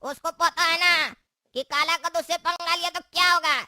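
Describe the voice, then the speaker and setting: A woman's voice: extremely high pitch, flat delivery, moderate pace, very noisy. A woman voicing a boastful, cocky young male troublemaker in a cartoon, bragging and teasing. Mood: brash.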